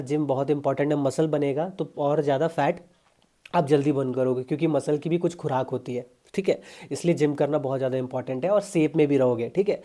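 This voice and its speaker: Chatty young Indian fitness coach, mellow voice. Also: male voice, fairly high pitch. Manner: chatty, pushy, addresses viewers as brother. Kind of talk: casual diet advice vlog.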